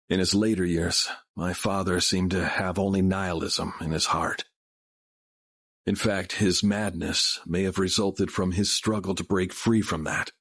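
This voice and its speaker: Middle-aged male game role: grave, remorseful tycoon father, very deep and husky, formal delivery. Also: fairly bright tone. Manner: formal, measured, solemn. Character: grave remorseful wealthy father heading a corporate group. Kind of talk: dubbed video game drama acting.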